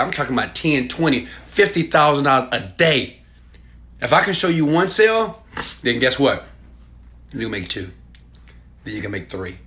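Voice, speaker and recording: A man makes an online marketer's motivational sales pitch straight to camera, emphatic and insistent, his tone bright and forceful.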